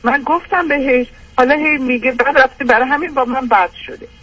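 A woman's voice: sits high, fairly bright tone, breathy edge, lo-fi sound. An older woman calling in, rambling through an aggrieved personal complaint with many hesitations.

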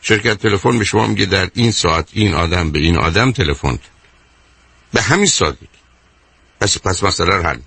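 A deep-voiced man counsels callers on a radio advice show. He talks in an insistent way, interrupting and repeating "my dear" and "wait". His voice is husky and gravelly. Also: expressive, pauses often, bright, forceful tone, no room sound. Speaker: radio call-in psychologist host.

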